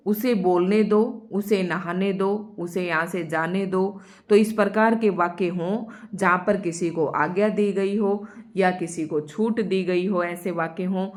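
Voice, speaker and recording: A woman teaching a Hindi grammar lesson to her students online. She explains each term step by step and repeats her example sentences slowly, speaking straight to the learners. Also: lowish voice, a little mellow. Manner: addresses students directly.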